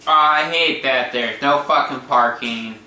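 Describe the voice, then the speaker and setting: A man's voice: mid-range voice, a little slow, sharp tone. A man co-hosting a podcast, blunt and swearing a lot, dragging out his complaints. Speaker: podcast co-host. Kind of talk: casual chat. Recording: echoey room, faint noise.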